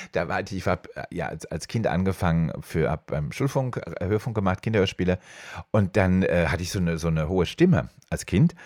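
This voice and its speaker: Middle-aged male podcast host, low voice with a lively pitch range, chatty storyteller, dry close recording. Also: no room sound. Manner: animated, jumps high when quoting others. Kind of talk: casual storytelling chat. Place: home studio.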